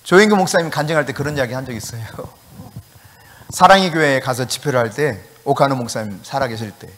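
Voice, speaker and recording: A male pastor preaching a sermon, telling a story with acted-out dialogue and sudden shouted commands. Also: mid-range voice, brisk, long reverb tail. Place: church sanctuary.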